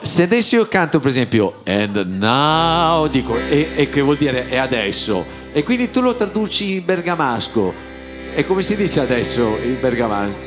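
A man's voice: fairly high pitch, sing-song, a little fast, over music. A man in casual stage banter, teasing and cajoling as a singer and entertainer.

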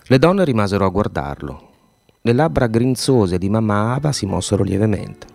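A man reading a novel aloud, voicing the villagers' dialogue expressively and pausing to explain a word. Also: creaky, no room sound, faint music behind. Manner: expressive, voices the villagers' lines with raised pitch. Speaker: audiobook reader.

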